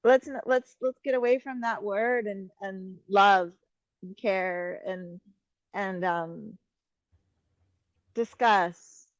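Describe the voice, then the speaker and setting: A woman's voice: medium pitch, steady tone, takes it slowly, pauses often, no room sound, highs cut off. A woman chatting casually with a friend, candid and emphatic, stumbling into restarts as she works out what she thinks. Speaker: friend guest. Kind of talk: casual chat.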